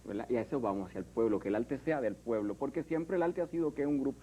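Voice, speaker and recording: A Puerto Rican sculptor in an interview, speaking in a reflective, hesitant way with many fillers and restarts. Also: male voice, medium pitch, quick pace, warm tone, husky, low-quality recording. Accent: Puerto Rican Spanish. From Puerto Rico. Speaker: artist, sculptor. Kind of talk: interview conversation.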